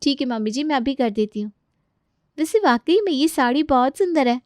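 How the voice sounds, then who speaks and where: A woman's voice: high voice, expressive, normal speed, darkish tone, no room sound, clean studio sound, pitched above the performer's own voice. A woman doing a meek young cartoon bride. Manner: apologetic, pleading. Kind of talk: cartoon story voice acting.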